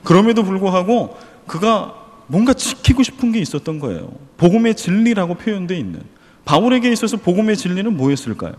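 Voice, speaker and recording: A man's voice: high-pitched, very animated, a little fast, darkish tone, in a large hall. A man preaching an earnest sermon as pastor, praying aloud and asking his congregation rhetorical questions. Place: church.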